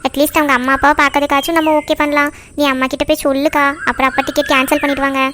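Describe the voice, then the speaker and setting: A woman's voice: high voice, flat delivery, rapid-fire, noisy background, lightly acted. A woman voicing an earnest teenage younger sister in a cartoon, coaxing and persuading.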